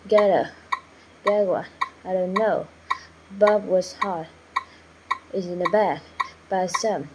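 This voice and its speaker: A woman's voice: medium pitch, noisy background. A woman working through a pronunciation drill, saying single words and short phrases one at a time in a careful, clipped way.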